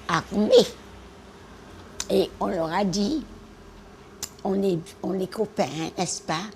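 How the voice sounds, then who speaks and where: A gravelly, low-pitched voice of a woman of 100. She talks in halting, repetitive bursts, stumbling over words, then lands her points with defiant emphasis. A faint hiss sits behind her. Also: a little mellow. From French Guiana. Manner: emphatic, with sound effects and defiant exclamations. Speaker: interviewee, war veteran and retired teacher. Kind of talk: spoken war memories in an interview.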